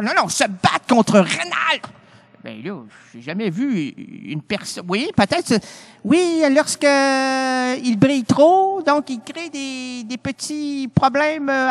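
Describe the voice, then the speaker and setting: Gravelly, high-pitched Québécois man rambling. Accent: Québécois French. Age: older. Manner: theatrical, jumps between voices and tangents. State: hoarse, feverish. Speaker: radio show host. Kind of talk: rambling comic monologue.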